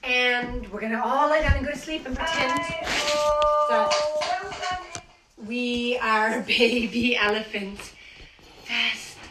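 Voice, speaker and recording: Woman, toddler-group leader, high animated sing-song voice, slow unhurried delivery, roomy echo. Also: very noisy. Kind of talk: children's songs, movement games and picture-book reading. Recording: echoey room.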